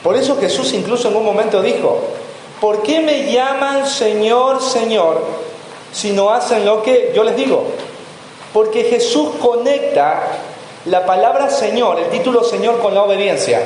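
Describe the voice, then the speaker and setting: High-voiced pastor preaching in echoey hall. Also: male voice, moderate pace, darkish tone. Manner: preaching with rhetorical questions to the congregation. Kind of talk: sermon. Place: church hall. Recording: echoey church hall with faint room noise.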